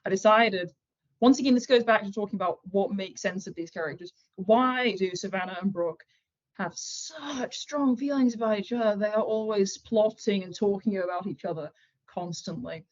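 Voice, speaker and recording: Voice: mid-range voice, moderate pace, highs cut off. Frank, self-assured creator in their twenties. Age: 20s. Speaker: series creator interviewed as guest. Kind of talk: casual interview answers.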